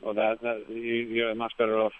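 Man, halting interviewee, flat delivery, thin telephone sound. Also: lowish voice. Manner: hesitant, halting with repeated false starts. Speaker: aid agency representative, interviewee. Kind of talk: live news interview. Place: phone call to a radio studio. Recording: tinny phone line.

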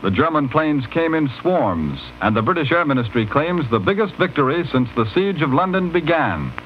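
A man delivering a 1940s radio news bulletin in a formal, measured announcer manner, heard as an old newsreel radio broadcast. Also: fairly high pitch, sing-song. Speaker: radio newscaster. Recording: dull lo-fi archival radio with faint hiss.

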